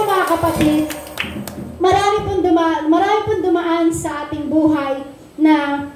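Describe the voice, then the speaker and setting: High-voiced woman preaching, echoey. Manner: impassioned, breaks into sung lines. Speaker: pastor. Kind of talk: sermon. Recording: very echoey room with faint noise.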